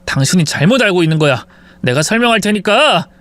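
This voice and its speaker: Narrator doing a guilty husband in a story, stuttering, begging, high bright voice. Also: male voice, lively intonation, fast talker, no echo. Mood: pleading. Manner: stammering, pleading. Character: cornered lying young husband, pleading.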